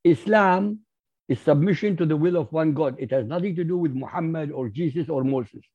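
A man from Iraq, a native Arabic speaker with an Arabic accent, appears as an interview guest and speaks in an emphatic, lecturing manner. His voice is slightly high at a moderate pace, and the audio is muffled and lo-fi.

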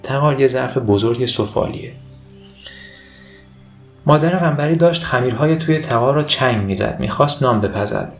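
A man reading a children's story aloud as a calm, scripted narration. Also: mid-range voice, creaky, long pauses, soft background music.

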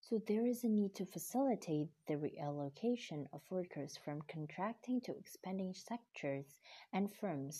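A woman from Indonesia giving a scripted explainer, reading in a steady, earnest tone with breathy stretches. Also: fairly low pitch. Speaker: presenter.

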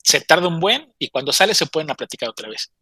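A man's voice: on the high side, sing-song, fast talker, bright, forceful tone, breathy edge, no room sound. A man casually telling a story, chatty and often stammering as he restarts his phrases.

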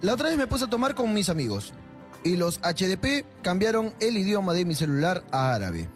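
A man's voice: high-pitched, sing-song, a little fast, faint music behind. A man telling a comic anecdote in a short social media clip, joking and laughing as he goes.

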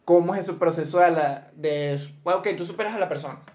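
A man's voice: on the high side, quick pace, a little mellow. A young man with a Venezuelan accent co-hosting a podcast in casual chat, slangy and joking, working through hypothetical examples. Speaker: podcast co-host.

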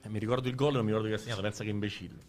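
A man's voice: on the low side, fairly even intonation, rapid-fire. Bantering male quiz contestant over music. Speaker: quiz contestant, football commentator. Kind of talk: casual football banter.

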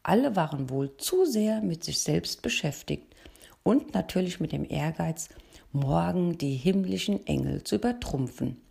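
Gravelly, husky woman reading a story. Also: on the low side, lively intonation, unhurried, warm tone. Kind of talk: reading a children's story aloud.

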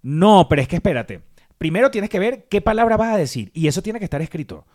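A man's voice: sits high, big pitch swings, fast, darkish tone. A Venezuelan man hosting a casual chat, joking and acting out quoted reactions.

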